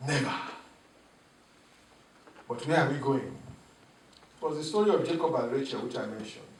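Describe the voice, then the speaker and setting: A man preaching a sermon as pastor, animated, chuckling and calling for the congregation to respond. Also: mid-range voice, a little slow, a little hiss or hum. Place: church. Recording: echoey church room, mic at a distance.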